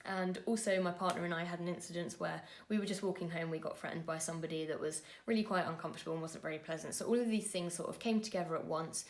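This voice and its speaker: A woman, telling a personal story to camera in an earnest, conversational way with frequent pauses and fillers. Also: fairly low pitch, steady tone. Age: 20s. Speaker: vlogger.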